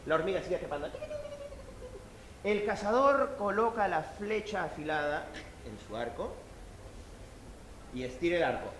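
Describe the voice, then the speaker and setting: A storyteller tells a fable to a live audience, animated and expressive. His voice sits high for a man and swings widely in pitch. The sound is echoey, as in a hall, with faint background ambience. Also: slight background noise. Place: event hall at a book fair.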